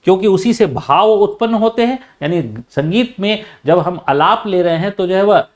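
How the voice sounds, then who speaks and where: A man giving an explanatory lecture on music, full of filler phrases and restarts, and at times he shows loud and soft speaking as he talks. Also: sits high, moderate pace. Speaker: teacher.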